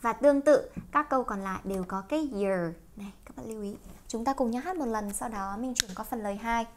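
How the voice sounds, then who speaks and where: A woman's voice: on the high side, brisk. A woman teaching English through a song, explaining lines and pronunciation and then singing them for learners to repeat. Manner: switches between explaining and singing along. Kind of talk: song-based English lesson.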